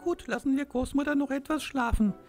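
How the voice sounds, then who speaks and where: A woman playing a cheerful, cheeky young boy in a children's puppet play, speaking simply and deliberately. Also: high voice, darkish tone, soft background music, lightly acted. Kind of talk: children's puppet theatre dialogue.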